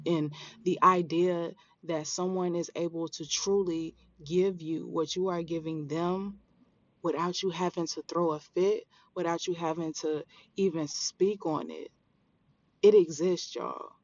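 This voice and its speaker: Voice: medium pitch, lo-fi sound. A podcast host in their thirties giving an earnest, emphatic motivational spiritual talk straight to listeners. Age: 30s.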